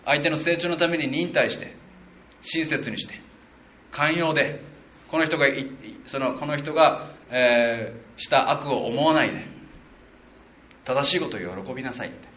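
A male pastor preaching a casual, conversational sermon, stopping to correct himself and acting out what the people said with lively jumps in pitch. His voice is bright and forceful. It is recorded in a roomy, echoing space with a dull, lo-fi sound. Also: normal speed, a little hiss or hum. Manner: animated, acts out quotes of the people with shifts of pitch; conversational, with self-corrections and fillers. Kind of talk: sermon, verse-by-verse Bible exposition.

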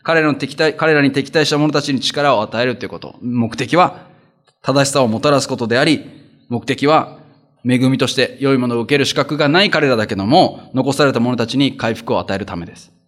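A man delivering a sermon. He preaches in a conversational way, repeats phrases for emphasis and slows down when reading scripture. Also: mid-range voice, a bit bright. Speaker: pastor.

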